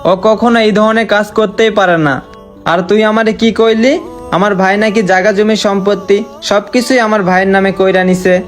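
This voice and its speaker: A man's voice: high-pitched, steady tone, brisk, close to an everyday voice. A young man, acting as an earnest, sorrowful man back home after years abroad, talking in a heartfelt, pleading way. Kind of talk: amateur short-film acting. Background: faint background music.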